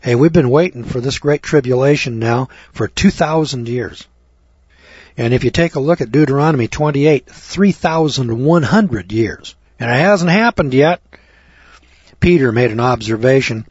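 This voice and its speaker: A man's voice: mid-range voice, normal speed, darkish tone, slightly rough, no room sound, lo-fi sound. An older American man preaching, reading scripture aloud and breaking off into blunt, crude, scornful remarks. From United States. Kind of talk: folksy sermon reading scripture.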